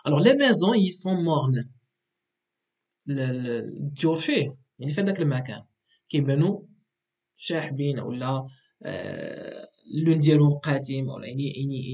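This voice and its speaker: A man with a Moroccan accent teaches an exam revision lesson at a fast clip. His voice sits a little high and has a husky edge. He explains patiently and keeps checking in with the class. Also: darkish tone. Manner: mixes Moroccan Arabic and French, explains patiently with frequent "ok".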